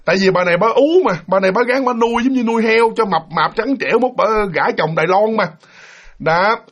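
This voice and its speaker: A man telling a ghost story in casual spoken narration, animated and acting out the quoted voices. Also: sits high, brisk. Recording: dull lo-fi recording.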